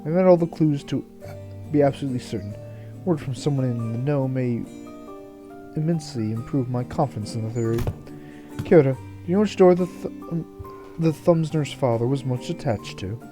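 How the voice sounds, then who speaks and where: A man voicing a polite, inquisitive investigator who speaks in a formal, measured way. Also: mid-range voice, over music, lightly acted. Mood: inquiring.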